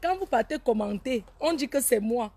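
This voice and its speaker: A woman hosting a casual live stream, reading out viewers' names and teasing them in an animated way. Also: on the high side, normal speed. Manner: animated, teasing, laughs often, scolds viewers. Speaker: Facebook live host.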